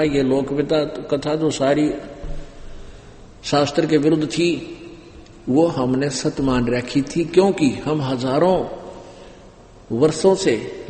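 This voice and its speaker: A man giving a slow, deliberate sermon as a spiritual teacher, repeating his phrases for emphasis. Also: fairly high pitch, darkish tone, roomy sound, big-room sound.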